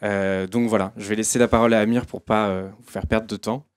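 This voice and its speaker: A man hosting an event, giving an informal introduction in a hesitant, halting way. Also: fairly low pitch, steady tone, clear, resonant tone, dry recording, studio quality. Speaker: event host introducing a speaker.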